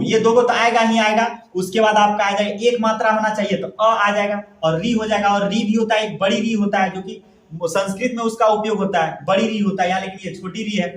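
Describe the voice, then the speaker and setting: A man from Bihar, India, teaching a classroom grammar lesson, often asking a question and then answering it himself. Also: high voice. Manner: repetitive, asks questions and answers them himself. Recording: echoey room.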